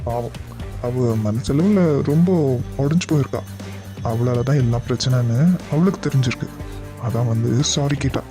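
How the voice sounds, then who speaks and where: A man voicing a caring, patient young husband in a cartoon, speaking in a gentle, coaxing way. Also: mid-range voice, normal speed, pauses often, soft background music, close to an everyday voice.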